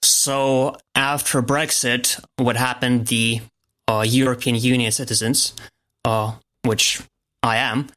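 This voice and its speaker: Brief: man, bright, crisp-edged voice, calm and explanatory interview guest. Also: mid-range voice. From Lithuania. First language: Lithuanian. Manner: measured, explanatory. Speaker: podcast guest, software developer. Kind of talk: casual interview.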